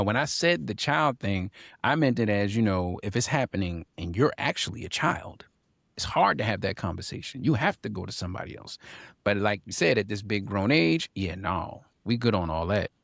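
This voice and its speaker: This is a man co-hosting a podcast panel, speaking with plenty of rise and fall in his voice. His tone has a gravelly edge, and the recording is dry and close with no room sound. He talks emphatically and repeats lines for punch. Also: on the low side, animated, moderate pace, a bit bright, no room sound. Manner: reads viewer comments aloud and laughs. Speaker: podcast co-host. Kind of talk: casual panel discussion.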